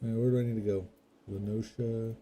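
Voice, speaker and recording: A man's voice: on the low side, little pitch movement, a little fast, mellow, soft background music. A man giving casual gameplay commentary, muttering to himself as he plays. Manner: muttering to himself while playing. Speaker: gamer, video host.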